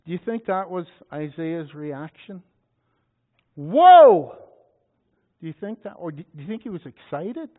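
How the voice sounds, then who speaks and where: A man preaching a sermon, reading scripture and bursting into loud, dramatic cries at the high points. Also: lively intonation, moderate pace, hardly any pauses. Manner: dramatic, shouting scripture at peaks. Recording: tinny phone-like sound.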